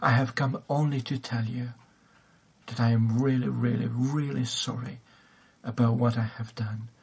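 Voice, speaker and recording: A man voicing a broken, repentant male prison guard confessing in halting phrases within a sermon. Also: medium pitch, steady tone, vocal fry, breathy edge. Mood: remorseful.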